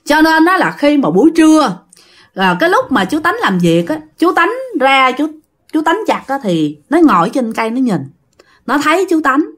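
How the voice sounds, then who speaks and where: A woman with a Southern Vietnamese accent telling a ghost story in a casual, animated way, talking straight to her listeners. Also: high voice, moderate pace.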